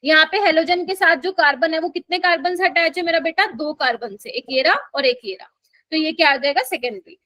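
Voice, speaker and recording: Brief: female classroom teacher, high-pitched, coaxing, keeps asking the class questions, dry recording. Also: fairly quick, sharp tone, no room sound. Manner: coaxing, keeps quizzing students and calling them "my child". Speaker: chemistry teacher. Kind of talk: live classroom lecture.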